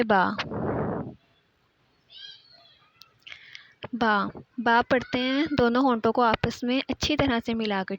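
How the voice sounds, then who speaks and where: A young woman teaches letter sounds in an online lesson, repeating each one slowly and patiently. Her voice sits a little high. The recording is dull and lo-fi, with a faint hiss behind her. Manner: slow, patient, drills each sound several times.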